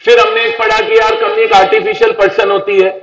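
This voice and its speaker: A man's voice: very high voice, big pitch swings, fast, vocal fry, fairly bright tone. A man teaching law in a classroom lecture, playful and chatty, calling his students "beta" and repeating phrases for emphasis. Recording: echoey room, voice picked up from a distance.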